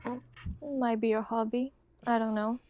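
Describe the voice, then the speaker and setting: This woman's voice sits a little high and comes across flat at a moderate pace, with dull audio and a crowd audible behind her. She's playing a tabletop RPG, hesitantly voicing her character and chatting at the table.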